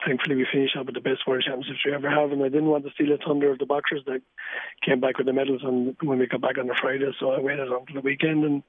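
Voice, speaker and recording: An amateur boxing coach from County Wexford, Ireland, speaks with a Wexford accent in a candid, earnest, reflective interview, repeating phrases for emphasis. His medium-pitched voice is level and rapid-fire, with no room sound, over a thin, phone-like radio line.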